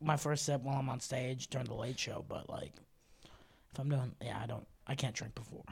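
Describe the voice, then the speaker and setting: A man's voice: mid-range voice, steady tone, gravelly, husky. A man in his twenties, a comedian, teasing a friend in casual chat. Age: 20s. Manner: teasing, drawn-out and playful.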